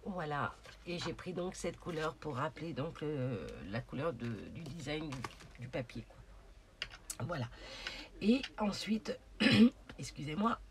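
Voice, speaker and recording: A woman's voice: deep voice, expressive, slow pace, long pauses, slight background noise. A woman hosting a casual crafting tutorial, chatty and hesitant, with many fillers as she talks through her project. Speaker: craft channel host.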